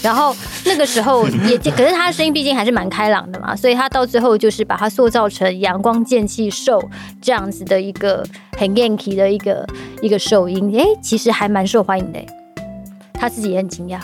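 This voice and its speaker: Speaking at a medium pitch and a fairly quick clip, a woman with a Taiwanese Mandarin accent joins a podcast to chat casually about BL audio drama dubbing. She tells stories playfully and teases along the way, with music in the background.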